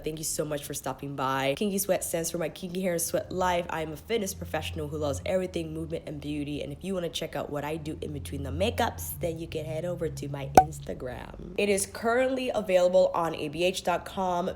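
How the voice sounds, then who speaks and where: A woman's voice: sits low, a little mellow, slight background noise. A woman with a stuffy nose from a cold, casually reviewing a makeup palette to camera in a chatty, explaining way. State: stuffy nose, under the weather. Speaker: beauty vlogger.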